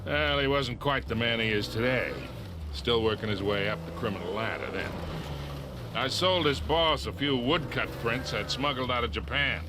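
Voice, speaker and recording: A man's voice: mid-range voice, normal speed, background noise, close to an everyday voice. A man playing a seasoned old smuggler. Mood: reminiscing. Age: older. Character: older male smuggler mentor, seasoned and dry. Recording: game audio with clear ambience.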